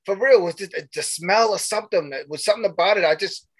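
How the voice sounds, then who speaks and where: A man's voice: sits high, fast, slightly rough, no room sound. A man co-hosting a podcast, talking casually in a rambling way and often asking "you know what I'm saying". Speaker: podcast co-host.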